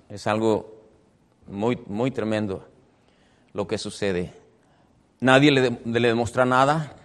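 A man, a pastor preaching a sermon, telling a story with dramatic swings between loud emphasis and hushed, low passages.

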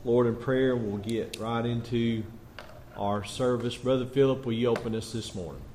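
A man leading a church service, stuffy from allergies, his voice muffled as if speaking inside a barrel, talking quietly and slowly. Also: medium pitch, noisy background. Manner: quiet, slow, soft-spoken. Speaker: pastor. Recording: dull, muffled church recording.

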